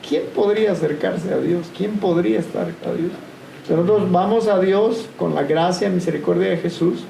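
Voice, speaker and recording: A man giving an earnest, steady church talk. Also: on the high side, creaky. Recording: distant mic in echoey room, faint noise.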